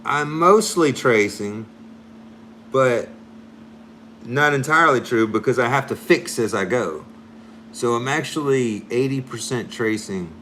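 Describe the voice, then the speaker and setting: Sharp in tone and mid-range in pitch, this streamer draws while chatting at a measured pace, leaving long pauses. He rambles and thinks aloud, sprinkling in amateur French, with slight background noise.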